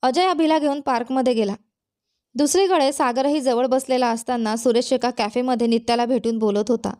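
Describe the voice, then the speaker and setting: A woman narrating a family storybook in a steady, clear reading. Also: fairly high pitch, brisk.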